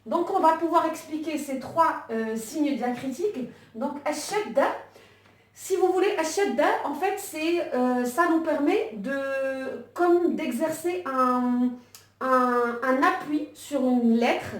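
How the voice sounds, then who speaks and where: While writing, a woman gives an online Arabic lesson, explaining patiently with lots of fillers and restarts. Her high voice is expressive and slow, heard from a distance in an echoey room.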